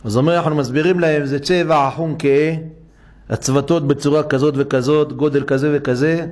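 A man's voice: fairly high pitch, fairly even intonation, darkish tone. A man preaching as a rabbi in a synagogue, telling a story and acting out each character's voice with animation. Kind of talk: sermon storytelling.

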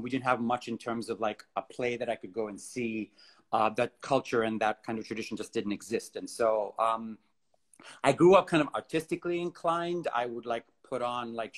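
A man in his thirties from Kenya, a theater director, telling stories in a relaxed way with frequent ums and likes over a video call from home. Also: fairly low pitch. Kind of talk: casual video-call interview. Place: home room with bookshelves. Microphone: laptop webcam on video call.

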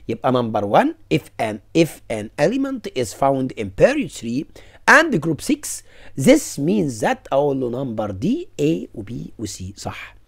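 A man's voice: a little high, creaky, husky. A young man with an Egyptian Arabic accent teaching a science exam review, mixing English terms into his Arabic and quizzing students. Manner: lively, mixes English terms into Arabic, asks students questions.

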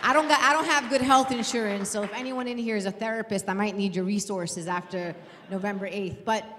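A woman's voice: medium pitch, brisk, crowd noise, noisy background. A woman in her thirties from New City, speaking earnestly and with emphasis at a panel event on a handheld mic. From New York City. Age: 30s. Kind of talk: impassioned panel talk. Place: event hall, indoors. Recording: hall reverb.

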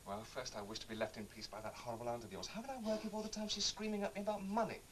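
An actor playing a young, dreamy, excitable composer, speaking softly at times and frantically at others. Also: male voice, mid-range voice, very fast, close to an everyday voice. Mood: wistful. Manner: soft and hushed, then frantic and shouting. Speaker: lead in a televised operetta. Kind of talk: 1970s TV studio drama acting. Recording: noisy old TV studio recording.

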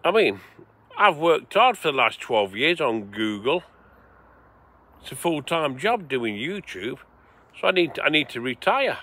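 Speaking a little slowly in a fairly high, sing-song voice with a sharp tone and breathy edge, this man from England livestreams outdoors at night beside the sea. The vlogger, in his forties, rambles casually to his viewers and swears freely.

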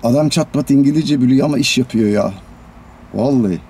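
A man from Turkey, a general contractor, chatting casually in a vlog from a house he is renovating, grumbling and swinging from tired sighs to loud rants. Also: mid-range voice, a little fast, roomy sound, a little hiss or hum. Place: house under renovation, indoors.

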